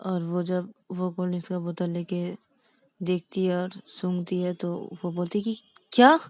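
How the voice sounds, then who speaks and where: A woman's voice: on the low side, monotone, normal speed, warm tone, dry recording. A woman narrating a romance story casually, with loose repetitive links between scenes. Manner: loose, repetitive linking phrases.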